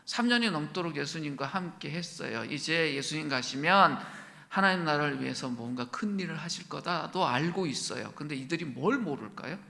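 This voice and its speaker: Guy pastor preaching, keeps asking the room questions, slightly high voice, bright and sharp. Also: lively intonation, moderate pace, creaky. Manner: asks the congregation many questions, acts out quoted speech, drops to a whisper. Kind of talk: sermon. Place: church sanctuary. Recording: church hall reverb.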